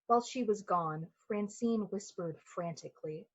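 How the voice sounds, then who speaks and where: This woman sounds natural, mid-range with a breathy edge, speaking at normal speed. In 1940s radio-play fashion, she recounts a suspenseful summer-night tale with measured suspense. Background music sits under a slightly muffled recording.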